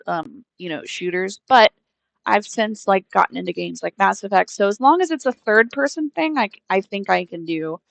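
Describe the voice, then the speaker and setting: A woman's voice: mid-range voice, creaky, dry recording. A woman hosting a casual gaming live stream, hesitant and rambling, often trailing off mid-thought. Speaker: game streamer, host.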